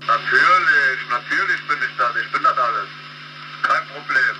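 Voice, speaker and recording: A man's voice comes through a CB radio, buried in loud static. He talks in a mid-range voice, drawing out menacing taunts and insults at another operator. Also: mid-range voice. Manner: threatening, insulting, drawn-out taunts. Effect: heard over CB radio. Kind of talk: hostile radio banter.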